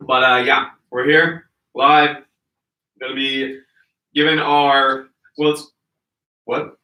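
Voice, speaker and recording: Bright-voiced male podcast host, roomy. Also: medium pitch, level tone, slow, distant mic. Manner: rambling, loose, lots of fillers. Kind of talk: casual sports chat.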